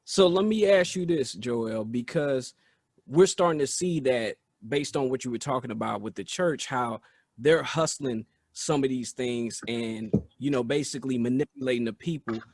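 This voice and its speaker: A man's voice: medium pitch, moderate pace, a little mellow, dry recording, studio quality. A man hosting a casual interview, laid-back and affirming, using street slang. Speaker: podcast host.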